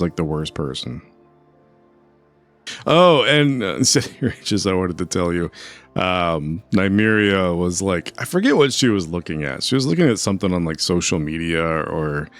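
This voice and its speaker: A man's voice: sits low, lively intonation, moderate pace, soft background music. A man streaming a video game, chatting casually and rambling as he answers his chat. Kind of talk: casual gameplay commentary.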